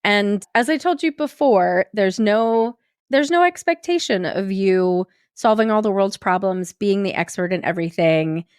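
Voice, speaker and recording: A woman hosting an interview podcast, encouraging and quick to laugh as she welcomes her guest. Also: mid-range voice, expressive, clean tone, dry recording, studio quality. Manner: warm, laughs often, encouraging. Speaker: podcast host.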